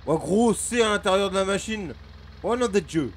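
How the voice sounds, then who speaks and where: Guy with a norman accent streaming a farm game w friends, excitable, swings from loud teasing to mumbling, high voice all over the place. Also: normal speed, a little hiss or hum. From France. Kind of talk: casual gaming chat.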